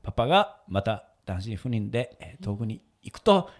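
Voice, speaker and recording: Lively man telling a moving story. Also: lowish voice, moderate pace. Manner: moved storytelling, often laughing. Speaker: radio show host and wedding photographer. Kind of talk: casual radio chat.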